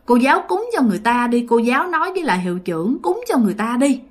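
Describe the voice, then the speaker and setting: A woman's voice: fairly high pitch, sing-song, very fast. Gender: woman. Figure: a woman doing a pleading, strange woman in a ghost story. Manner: pleading, insistent. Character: strange dazed middle-aged woman at school gate.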